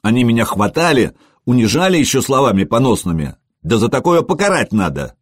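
A man voicing an outraged young retainer who shouts and complains. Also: mid-range voice, very animated, brisk, breathy edge, no echo, studio quality. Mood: indignant. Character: indignant young male retainer of a governor.

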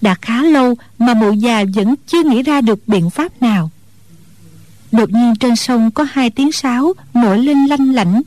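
A woman narrating a martial-arts story in a steady, scripted storytelling manner. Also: on the high side, unhurried, no room sound. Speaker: audiobook narrator.

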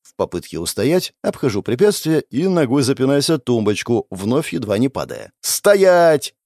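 A man reading a first-person story aloud with expressive narration. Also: mid-range voice, normal speed, no echo, studio quality. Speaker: audiobook reader.

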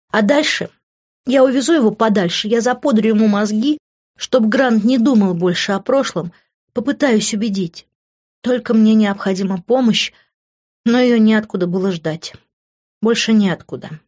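A woman's voice: medium pitch, a little mellow, highs cut off. A woman narrating a first-person audiobook in an emotional, dramatic manner.

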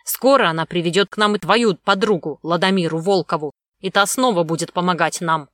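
A cruel prince of a storybook villain snarls his orders loud and slow, as a woman puts him on. The sound is close and dry, without room echo. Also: on the low side, close to an everyday voice. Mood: furious. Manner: loud, growling, slow menacing commands. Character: cruel scheming middle-aged male prince villain.

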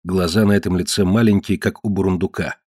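A man narrating an audiobook in a measured, descriptive manner. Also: low voice, fairly even intonation, darkish tone, breathy edge, dry recording, clean studio sound. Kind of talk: scripted narration.

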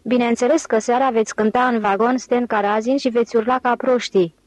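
A woman's voice: a little high, fairly even intonation, a little mellow, dry recording, natural voice, poor audio. A woman reading an audiobook, voicing a self-assured man who mockingly predicts what others will do. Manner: scornful, teasing, confident.

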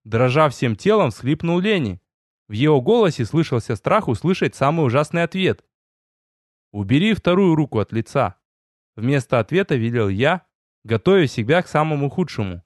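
A man narrating a first-person fantasy story in an audiobook, telling it with lively storytelling and voiced dialogue. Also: mid-range voice, moderate pace, no echo, clean studio sound.

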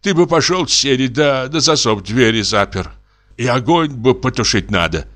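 A man's voice: mid-range voice, lively intonation, a little slow, pushed and bright, pitched above the performer's own voice. A man reading an audiobook voices a timid, pious old male forester who whines and sighs in fright. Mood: frightened whining. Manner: whining, sighing, fearful.

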